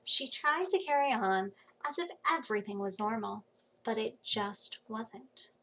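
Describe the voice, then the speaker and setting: A woman reads a picture book to young children at a very slow, careful pace. Her voice sits fairly high and has a slight creak. She uses dramatic pauses and hushed words for emphasis, recorded at home on a computer microphone. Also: lively intonation, low-quality recording. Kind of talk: expressive read-aloud of a children's storybook. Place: small home room, indoors. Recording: faint background noise.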